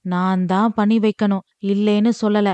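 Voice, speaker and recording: A woman voicing a grown son who bitterly protests over the family's debts, talking fast and exasperated. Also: medium pitch, little pitch movement, warm tone, smooth, no echo, natural voice.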